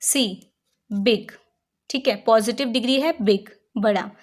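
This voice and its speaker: A woman teaching English grammar in Hindi. She reads each rule slowly in English, then explains it in Hindi with rhetorical check-in questions. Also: on the high side. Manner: patient, checks understanding with frequent rhetorical questions.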